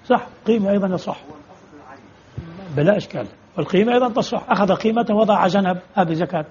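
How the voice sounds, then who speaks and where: Husky, fast-talking male religious law teacher. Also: high-pitched, darkish tone, lo-fi sound. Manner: explains with repeated examples and rhetorical questions. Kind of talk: jurisprudence lecture answering students.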